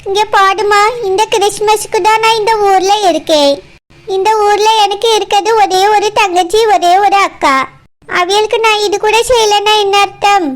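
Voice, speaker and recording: A woman voicing a scheming old grandmother in a cartoon, sweet-talking her daughter-in-law with drawn-out endearments, in a Kanyakumari Tamil accent. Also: very high voice, steady tone. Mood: insistent.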